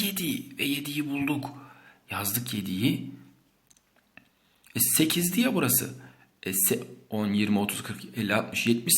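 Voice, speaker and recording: A man teaching young children subtraction in a playful way, counting numbers slowly aloud. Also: mid-range voice. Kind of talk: math lesson for young children.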